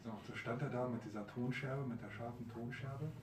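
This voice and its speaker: A man telling a devotional story to a live audience, lively and asking his listeners questions. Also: medium pitch, a little fast, very noisy. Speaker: storyteller, preacher. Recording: roomy hall, mic far, audience.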